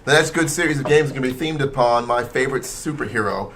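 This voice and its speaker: Bright-voiced joking podcast man. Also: medium pitch, quick pace, slight background noise. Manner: laughing, jokey, puts on silly voices. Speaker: podcast co-host. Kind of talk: casual comedic chat.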